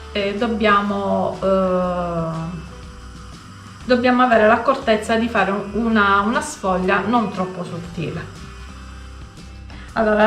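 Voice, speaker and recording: A woman's voice: mid-range voice, a bit bright. A woman giving a step-by-step cooking tutorial, instructional and narrating each movement as she goes. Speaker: home cooking show host. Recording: roomy echo, music underneath.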